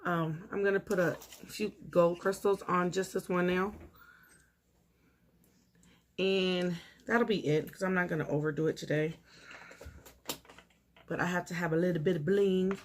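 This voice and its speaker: Relaxed woman in a home nail tutorial, lowish voice, chatty pace. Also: a little slow, pauses often, a little hiss or hum. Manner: relaxed, chatty, talks while working. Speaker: nail art vlogger. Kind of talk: casual tutorial chat.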